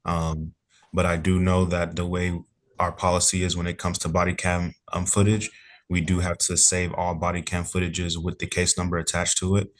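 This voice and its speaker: A man's voice: sits low, monotone, normal speed. A police officer testifying in court over a remote call, polite and hedging in his answers.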